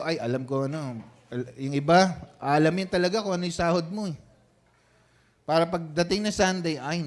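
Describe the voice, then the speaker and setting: A man with a Filipino accent, a senior pastor giving a sermon in a conversational style and often checking in with the congregation. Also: on the high side. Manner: conversational preaching, frequent tag questions.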